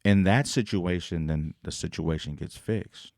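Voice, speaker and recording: Brief: low-voiced man, slangy rambling podcast commentary, dry close sound. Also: unhurried, a little mellow, no echo. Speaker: podcast host. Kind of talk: casual commentary.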